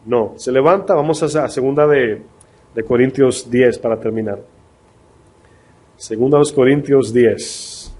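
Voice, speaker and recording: Pastor hombre, predicación pausada y conversacional. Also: male voice, mid-range voice, warm tone. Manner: conversational preaching with rhetorical questions to the congregation; reads scripture slowly and deliberately. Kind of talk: sermon.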